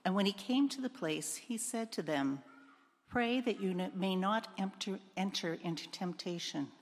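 A woman reading the gospel aloud in a measured, solemn way during a church service, her voice carried by cathedral echo. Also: medium pitch. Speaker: gospel reader. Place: large church. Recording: long church hall reverb.

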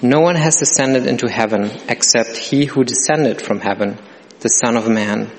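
A man's voice: medium pitch, normal speed, slight background noise. A man solemnly reading the gospel aloud during a church service, his voice carried by a cathedral echo. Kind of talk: liturgical scripture reading. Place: large church sanctuary. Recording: long church reverb, heard from a distance.

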